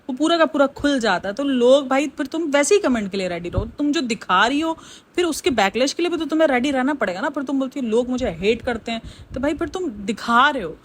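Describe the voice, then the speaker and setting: A woman's voice: on the high side, slight background noise. A woman from Pakistan giving casual reaction commentary on her channel, blunt and opinionated, speaking straight to her viewers. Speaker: reaction YouTuber.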